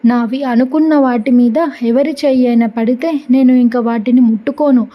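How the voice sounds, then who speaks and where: A woman's voice: on the high side, fairly even intonation, moderate pace, muffled recording, natural voice. A woman voicing a fierce, stubborn wife who speaks angrily and defiantly in a storybook reading. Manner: angry and defiant.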